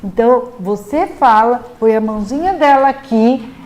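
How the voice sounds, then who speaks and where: A woman with a Brazilian Portuguese accent giving a patient, clear lesson to parents on helping children speak correctly. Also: on the high side, a little mellow. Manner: patient, explanatory, models words slowly and clearly. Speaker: literacy teacher advising parents. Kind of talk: instructional talk to parents.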